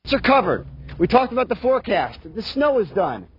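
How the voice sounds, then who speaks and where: A man's voice: very high voice, very animated, moderate pace, husky. Upbeat TV weatherman outdoors in snow. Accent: Baltimore. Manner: upbeat, folksy, addresses viewers as folks. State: out of breath. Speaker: TV meteorologist reporting live. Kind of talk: live field weather report. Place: outdoors on a city street in snow. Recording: dull broadcast audio with faint noise.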